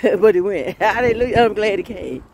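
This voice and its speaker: A woman, preaching a sermon in a lively folksy way and laughing often. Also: mid-range voice, normal speed, a little hiss or hum.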